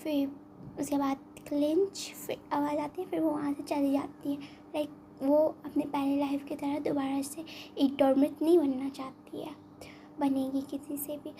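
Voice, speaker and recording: A young woman retells a comic story casually and quietly from a room at home. Her voice is high, with little rise and fall, and a fan hums faintly behind her. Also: level tone, normal speed, a little hiss or hum. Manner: quiet, casual narration mixing in English words. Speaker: manga explainer. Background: ceiling fan running.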